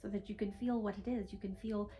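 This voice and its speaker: A woman voicing a calm, authoritative spirit guide as a trance medium, in formal stilted phrasing that often ends on a questioning "yes?". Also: mid-range voice, fast talker, dull audio, lightly acted. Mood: calm, instructive. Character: calm, authoritative male spirit guide teaching human seekers. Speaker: trance channeler. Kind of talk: seance medium channeling a spirit guide, teaching. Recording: faint background noise.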